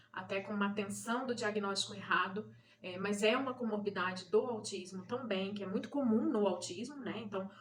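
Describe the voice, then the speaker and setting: A woman from Brazil, a mother and channel host, explaining terms to parents in a patient teaching manner, often checking in with listeners. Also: mid-range voice. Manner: didactic, repeats key points, checks in with "né?" and "tá?".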